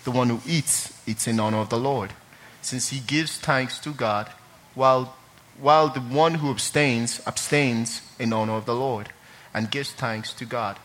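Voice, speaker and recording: A man's voice: medium pitch, a little slow, a bit bright. A young man from Ireland, sharing his testimony at a church service in a chatty way full of fillers and laughter, then reading scripture.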